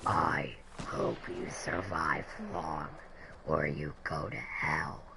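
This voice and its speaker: A woman voicing a menacing male devil with a slow, distorted demonic growl. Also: extremely low pitch, fairly even intonation, vocal fry, background noise, pitched below the performer's own voice, heavily acted.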